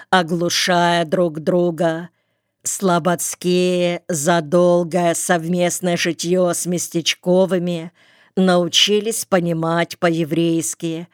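A woman narrates an audiobook in a low, smooth voice, reading slowly with a calm, measured delivery. Her pitch stays even and flat throughout. The studio recording is dry and close, with no room sound. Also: no room sound. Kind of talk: scripted narration.

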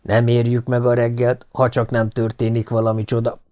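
Grim old tribesman muttering low, man reading it, mellow dark tone. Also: monotone, close to an everyday voice.

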